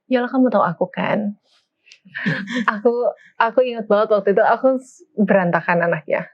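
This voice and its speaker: A woman's voice: mid-range voice, moderate pace. A woman in a casual Bible study discussion, animatedly telling a personal story. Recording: dull lo-fi sound.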